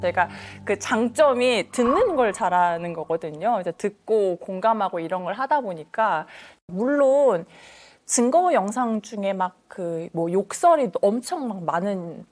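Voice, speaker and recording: A woman working as a divorce lawyer, telling case stories on a talk panel in an animated way and acting out the voices of the people in them. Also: mid-range voice, measured pace, faint music behind. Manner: animated, acts out quoted voices.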